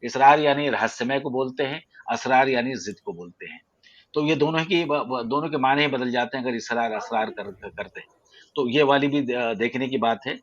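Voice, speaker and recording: A man from central India with an Indian Urdu accent, teaching poetic meter in an online audio class, measured and explanatory with frequent hesitations. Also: medium pitch, muffled recording. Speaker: poetry teacher. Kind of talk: prosody lesson in an online audio room.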